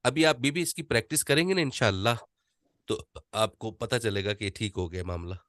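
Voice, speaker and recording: A man teaching an online voice-over class, demonstrating slow readings with deliberate pauses. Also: lowish voice, a bit bright, no echo, studio quality.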